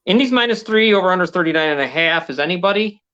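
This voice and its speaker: A man's voice: high voice, animated, quick pace, pushed and bright, clear, resonant tone, highs cut off. A man co-hosting a sports betting show, rambling through game picks in casual chat and swearing now and then. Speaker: sports betting podcast co-host.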